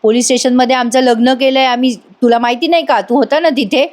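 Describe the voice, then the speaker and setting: A woman's voice: high voice, steady tone, fast talker, darkish tone, natural voice. Exasperated young husband, scolding and indignant, woman reading his part.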